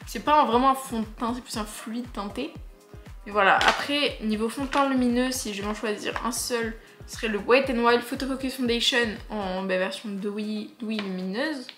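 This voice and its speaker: A young woman talking through a makeup tutorial in a relaxed, chatty way, full of fillers and playful asides. Her voice sits a little high. It is recorded in an echoey room with faint music underneath. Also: moderate pace. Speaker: beauty vlogger.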